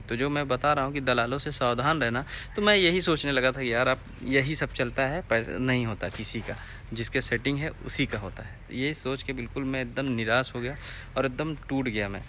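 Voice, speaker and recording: A young man with an eastern Uttar Pradesh Hindi accent tells a rambling personal story straight to his viewers, circling back and repeating himself. His voice is bright and forward at an ordinary pitch. A faint hiss of room noise sits under him. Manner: rambling, repeats phrases, asks viewers to comment. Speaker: vlogger telling his recruitment story. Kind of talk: casual storytelling to camera.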